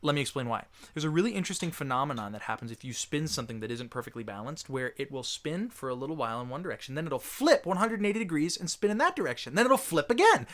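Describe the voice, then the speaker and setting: A man's voice: on the high side, sing-song, fast, few pauses, a bit bright. A man hosting a casual livestream Q&A, chatting loosely and reading viewer messages aloud. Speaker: livestream host answering chat.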